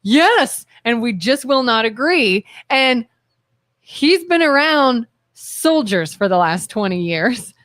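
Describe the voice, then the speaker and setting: A woman in her thirties co-hosting a casual live talk show, acting out quoted dialogue with lively energy. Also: a little high, slow pace, no echo, studio quality. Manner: animated, acts out quoted dialogue, laughs. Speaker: podcast co-host.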